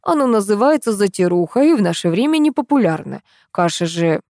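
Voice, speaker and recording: A woman's voice: mid-range voice, very animated, fairly quick, a little mellow, dry recording. Casting: a know-it-all young man who drones and lectures, put on by a woman narrator; dry close sound. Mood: lecturing. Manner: droning, lecturing.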